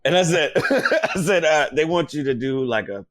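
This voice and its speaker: A man telling animated stories in casual podcast chat, often putting on voices for the people he quotes. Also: on the high side, moderate pace, dry recording. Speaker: podcast guest, comedian.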